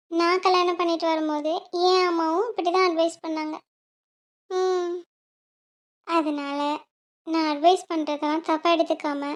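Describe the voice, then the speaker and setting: A caring middle-aged mother gives advice in a lecturing way in a cartoon, voiced by a woman. Her voice is very high. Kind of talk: cartoon voice acting.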